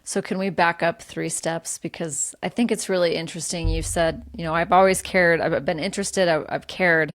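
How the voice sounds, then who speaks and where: Low-pitched woman hosting a podcast. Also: fairly even intonation, moderate pace, hardly any pauses. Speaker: podcast host.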